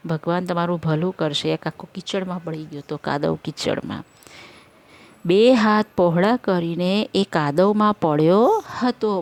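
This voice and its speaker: Woman teacher retelling a story slowly. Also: lowish voice, darkish tone. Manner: reads story lines aloud, then re-explains them in simple words with English glosses. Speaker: school teacher. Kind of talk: reading and explaining a story to a class.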